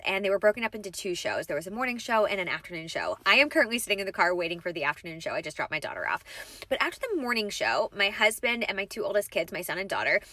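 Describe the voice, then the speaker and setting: Mom vlogger in her 30s, crisp bright voice, dry close phone sound from a parked car, earnest and heartfelt. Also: medium pitch, no echo. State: teary-eyed. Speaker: vlogger, mother. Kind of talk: casual talking-to-camera vlog.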